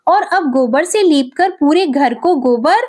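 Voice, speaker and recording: A woman's voice: high voice, expressive, measured pace, darkish tone. Woman reading as a scornful young daughter-in-law. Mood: irritated. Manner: irritated, dismissive.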